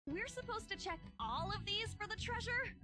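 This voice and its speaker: A woman's voice: extremely high pitch, expressive, normal speed. An actress voicing a determined young woman on a heist team, speaking earnestly and analytically. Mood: puzzled, analytical. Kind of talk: video game voice acting. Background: game music.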